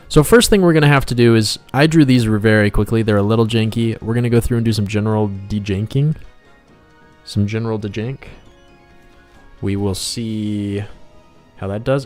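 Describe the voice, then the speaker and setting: Drawing on stream with background music behind him, a man with a lowish, slightly mellow voice chats casually and rambles to his viewers, muttering asides under his breath. He's the host, a game developer and artist.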